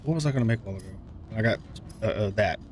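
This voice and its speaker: A man's voice: lowish voice, lively intonation, racing. Man, casual gaming streamer, laid-back, muttering to himself, faint game noise behind. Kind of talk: casual let's-play commentary, thinking aloud. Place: small room at home.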